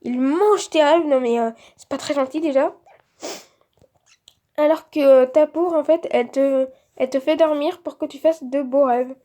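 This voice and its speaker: A woman's voice: high voice, steady tone, moderate pace, mellow. A woman giving casual let's-play commentary, chatty and thinking aloud with lots of filler words.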